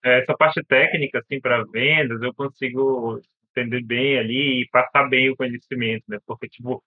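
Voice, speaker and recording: A man's voice: medium pitch, steady tone, normal speed, husky, no room sound. Young man, laid-back podcast chat, short thoughtful remarks, dull lo-fi recording. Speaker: podcast co-host. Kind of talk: casual chat.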